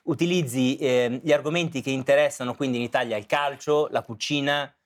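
A man's voice: medium pitch, steady tone, brisk. A man interviewing a guest, asking questions and affirming with short interjections. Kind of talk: conversational interview.

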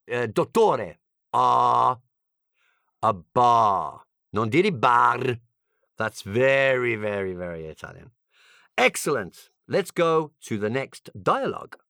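English guy teaching, playful and jokey, slow talker, dry close sound. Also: medium pitch, vocal fry, pushed and bright, dry recording. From England (Birmingham). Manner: playful, joking asides. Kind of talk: humorous language lesson.

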